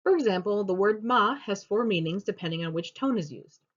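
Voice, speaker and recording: Young woman presenting, lively pitch, dull sound. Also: brisk. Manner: explanatory, steady teaching delivery. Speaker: student presenter. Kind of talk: class presentation. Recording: dull lo-fi recording.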